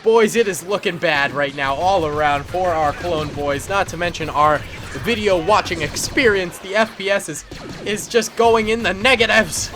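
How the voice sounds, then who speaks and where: Speaking at normal speed in a high-pitched voice, a man hosting a gaming channel riffs casually on a battle simulator game. He's stuffy-nosed from a cold, playful and slangy, chuckling frequently, and the background is noisy.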